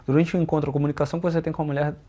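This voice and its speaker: A young man hosting a casual podcast chat about dating, animated, swinging his loudness and pitch, swearing for emphasis. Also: very fast. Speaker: dating coach and host.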